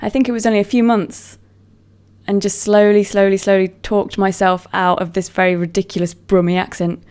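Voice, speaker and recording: Speaking at normal speed, this woman from England has a mid-range voice that is clear, resonant and a little mellow, with little pitch movement. She's a vlogger with a neutral British accent, chatting to camera in a rambling, self-mocking way and drifting off into fillers.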